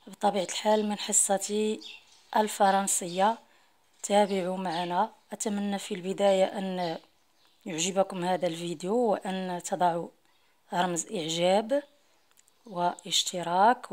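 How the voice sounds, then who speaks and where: A woman with a Moroccan accent teaching a French lesson, explaining rules and mixing Arabic and French. She reads French examples slowly and deliberately. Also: mid-range voice, darkish tone. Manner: slow, deliberate dictation when reading French rules; mixes formal Arabic with Moroccan Arabic and French terms.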